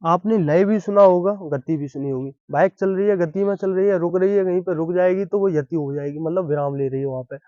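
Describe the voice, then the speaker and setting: A man's voice: high voice, a little fast, hardly any pauses, mellow, no echo, dull audio. A man teaching a lesson on verse, who explains step by step and keeps asking if the class has understood. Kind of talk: classroom-style Hindi poetry lesson.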